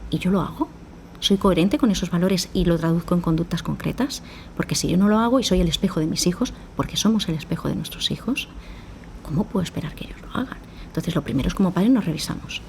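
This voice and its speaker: A woman's voice: lowish voice, lively intonation, quick pace, darkish tone, slight background noise. A woman psychologist on a podcast, explaining at length and acting out her talks with parents. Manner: explanatory, acts out dialogues with parents. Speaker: psychologist guest. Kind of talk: podcast interview.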